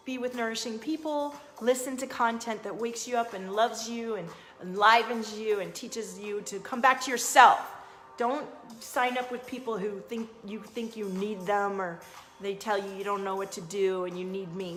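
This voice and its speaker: A woman's voice: fairly high pitch, a bit bright, echoey room. A woman talking casually on a live stream as a life coach and energy reader, giving upbeat, motivational advice in a chatty way.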